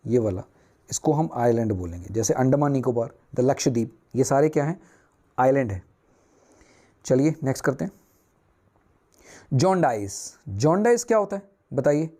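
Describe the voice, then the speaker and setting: Man teaching vocabulary, dark voice. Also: a little high. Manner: explains at a whiteboard, asks and answers his own questions. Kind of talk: newspaper vocabulary lesson.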